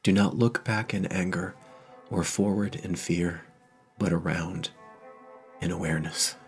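A small, tearful warrior woman speaks in a hushed, solemn whisper, voiced by a man with a very deep voice. Her words are gentle and low, with faint music under the scene. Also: fairly even intonation, normal speed. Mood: tender, solemn.

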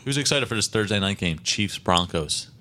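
A man's voice: lowish voice, expressive, normal speed, bright, forceful tone, slight background noise. A man with an American accent chatting casually about sports as a podcast co-host.

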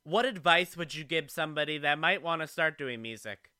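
Male radio host, polite scripted questions, very bright tone, dry close sound. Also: fairly high pitch, expressive, a little fast, clear, resonant tone, no echo. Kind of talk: radio interview hosting.

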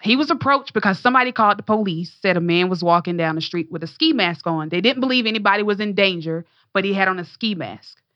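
A young adult woman entertainer tells a story in a casual talk-show conversation, bringing passionate, blunt, profane energy. Her medium-pitched voice moves quickly with few pauses, and the lo-fi audio has no room sound.

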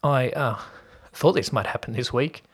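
A man voicing a relaxed, teasing young man, speaking in a low-key, casual way. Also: moderate pace, slightly rough, lightly acted.

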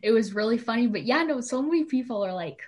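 Young female podcast co-host, chatty, lots of "like" fillers, slightly high voice. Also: lively intonation, quick pace, darkish tone. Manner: chatty, heavy use of "like". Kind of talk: casual chat.

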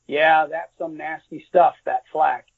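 A man voicing a calm, matter-of-fact male bomber pilot in a book reading. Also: fairly high pitch, slow pace, vocal fry, slightly rough, dry recording, heavily acted. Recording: dry, tinny phone-like audio.

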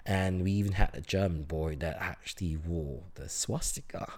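Low, mellow-voiced young man. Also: normal speed. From Singapore. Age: 20s. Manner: hesitant, many fillers and restarts. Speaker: interviewee, chemistry student. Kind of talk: casual interview chat.

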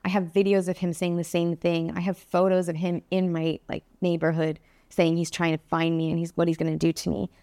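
A woman speaks in a lowish, even voice with little rise and fall, telling her story candidly to a podcast host. She talks earnestly and says "like" and "you know" often. The sound is close and dry, with no room echo. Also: a little fast. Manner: earnest, candid, many fillers. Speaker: podcast guest. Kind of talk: interview storytelling.

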